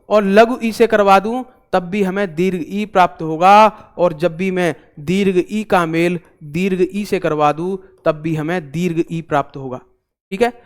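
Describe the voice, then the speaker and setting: Male online tutor, high clear voice, talkative and repetitive. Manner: chatty, repeats himself, joking asides to viewers. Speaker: teacher. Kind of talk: online exam-prep class.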